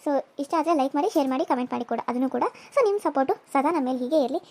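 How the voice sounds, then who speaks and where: Fast-talking woman channel host. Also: sits high, darkish tone. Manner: chatty, pleading for views. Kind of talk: casual outro appeal.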